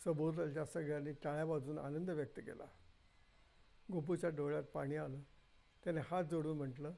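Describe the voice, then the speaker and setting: Male storyteller, high voice, gravelly texture, measured narration. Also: steady tone, dark tone.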